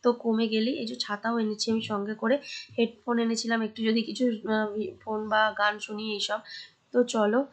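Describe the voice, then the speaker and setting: A young woman narrates her day in a chatty vlog voice-over, speaking straight to her viewers. Her voice is hoarse and sits a little high. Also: little pitch movement, fairly quick. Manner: chatty, addresses viewers directly. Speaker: vlogger.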